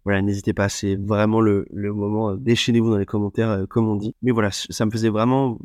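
A man's voice: on the low side, flat delivery, fast, darkish tone, dry recording, studio quality. A man hosting a solo podcast, talking without a script and hesitating often, with many fillers and restarts. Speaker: podcast host. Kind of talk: unscripted solo podcast talk.

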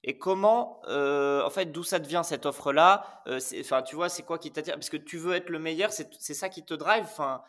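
Host, male, somewhat higher voice, casual probing interviewer. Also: normal speed, hardly any pauses, a bit bright. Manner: probing, recaps the guest's points. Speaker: podcast host.

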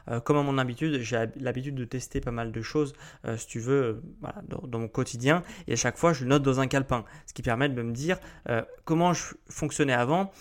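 Easygoing man hosting a podcast. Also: medium pitch. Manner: relaxed, many fillers and hesitations. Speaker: podcast host. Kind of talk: casual solo podcast talk.

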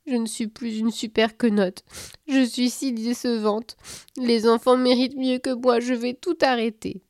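A woman's voice: on the low side, normal speed, a little mellow, no echo, clean studio sound, lightly acted. A woman voicing an overworked, frazzled female tooth-fairy mouse who talks in a fretful, self-pitying way. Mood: despairing.

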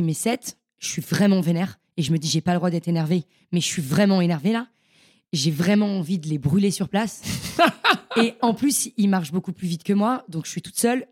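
Low-voiced young woman telling stories. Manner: animated, slangy storyteller. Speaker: podcast guest. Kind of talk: casual storytelling interview.

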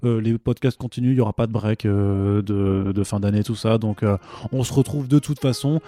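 A man's voice: lowish voice, moderate pace, dark tone. A man co-hosting a French podcast in casual chat, hesitant with many fillers and restarts. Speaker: podcast co-host.

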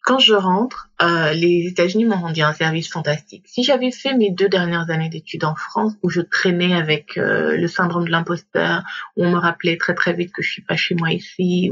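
A husky-voiced woman from Gabon shares her journey as a coach in a relaxed interview. She is animated and often acts out quotes with English phrases. The remote recording sounds dull and lo-fi. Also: fairly low pitch. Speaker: coach and podcast guest. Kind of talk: casual interview storytelling.

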